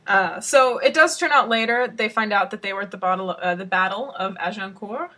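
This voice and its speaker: A woman's voice: mid-range voice, a little fast, pushed and bright. A woman co-hosting a casual podcast, chatting about a book and thinking aloud with fillers. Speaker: podcast co-host.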